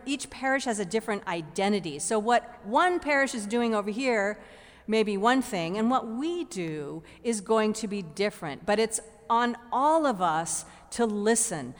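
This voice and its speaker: Slow-speaking woman preaching in a church. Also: on the high side. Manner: unhurried, repeats words when restarting. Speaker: priest. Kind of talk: sermon. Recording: church with long reverb.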